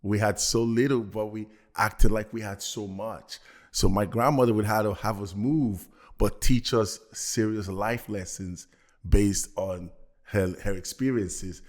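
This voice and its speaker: A man from Belgium with a very low voice, talking as a podcast guest. He speaks earnestly and reflectively. His tone stays calm and thoughtful. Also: a little slow. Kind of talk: casual podcast conversation.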